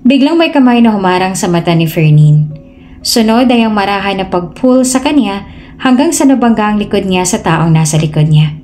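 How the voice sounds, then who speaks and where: A woman storyteller narrating a dramatic tale in steady scripted narration. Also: mid-range voice, normal speed. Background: soft background music.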